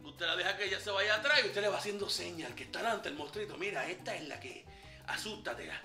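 Brash flirty ladies' man, very high voice, lively swaggering comedy banter, roomy echo. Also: fast talker, faint music behind, exaggerated voice. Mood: boastful. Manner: swaggering slangy banter, calls listener papá. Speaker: comic character giving dating tips. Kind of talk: comedy sketch monologue.

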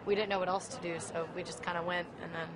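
A woman's voice: lowish voice, level tone, fast. Young woman on a talk show, jokey, rambles with lots of um and like, noisy tv audio. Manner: chatty, jokey and self-mocking, with many fillers. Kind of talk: casual talk show interview.

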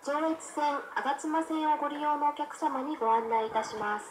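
A woman gives a train station announcement in a high-pitched, formal and polite voice. It echoes from a platform loudspeaker through clear background noise. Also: moderate pace. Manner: formal, polite scripted delivery. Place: open train platform, over public address.

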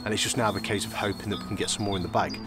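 A man with a lowish, steady voice talks very fast over a noisy background, narrating his own fishing trip on a fenland drain bank. It's a casual outdoor vlog, and he's chatty and easygoing, often repeating himself with "it really does."

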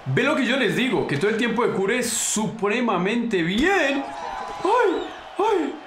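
A young Colombian man commenting casually on his own fighting game, slangy and excitable, taunting his opponent and yelping at big moments. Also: sits high, normal speed, roomy sound, background noise. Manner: excitable, slangy, talks to the opponent, bursts into yelps. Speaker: gaming channel host.

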